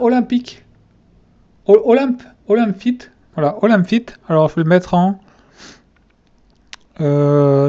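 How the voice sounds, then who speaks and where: A man's voice: a little high, mellow, highs cut off. A man ranking his favourite fitness channels in a casual vlog, hesitant and full of fillers and restarts.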